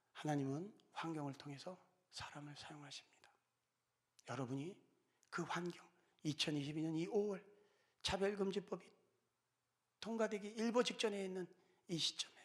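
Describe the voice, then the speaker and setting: A man in his fifties giving an impassioned church talk, pleading with urgent fervor. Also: fairly high pitch. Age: 50s. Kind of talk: impassioned exhortation.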